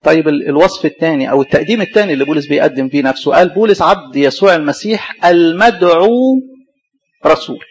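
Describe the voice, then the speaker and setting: A man's voice: a little high, fast, slightly rough, lo-fi sound. A man preaching a sermon in an Egyptian Arabic accent, who keeps asking rhetorical questions and answering them himself.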